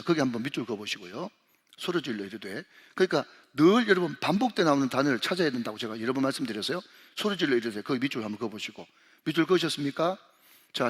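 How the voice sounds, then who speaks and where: A senior pastor with a mid-range, slightly bright and rough voice preaches a sermon in a church sanctuary. He speaks straight to the congregation and calls them to read along, with long hall reverb on the recording.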